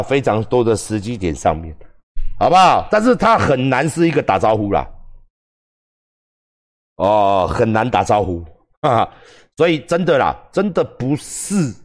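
A man's voice: mid-range voice, big pitch swings, normal speed. A man with a Taiwanese accent giving crude, profane, joking livestream commentary. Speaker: streamer.

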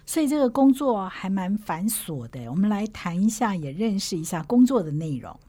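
A woman with a Taiwanese Mandarin accent hosting a podcast interview, asking curious questions and reacting with lively agreement. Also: medium pitch, moderate pace. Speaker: podcast host.

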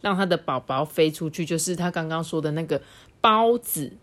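Brief: Taiwanese Mandarin mother, animated bedtime-story reader. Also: sits low, normal speed. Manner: lively, chatty storyteller explaining to a child. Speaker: mother reading to her child. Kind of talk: reading a storybook aloud.

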